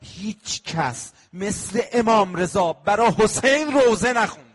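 A man's voice: high voice, expressive, breathy edge. A man preaching a mourning sermon with lament recitation to a congregation in a large shrine hall, impassioned and speaking to the crowd directly. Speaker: religious eulogist preacher.

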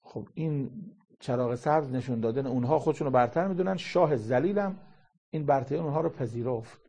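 A male preacher explains Quran verses to his listeners. His voice is dark, mellow and a little husky. He recites Arabic lines and presses his point with sharp rhetorical questions. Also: mid-range voice. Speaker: Quran commentator. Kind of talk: Quran commentary sermon.

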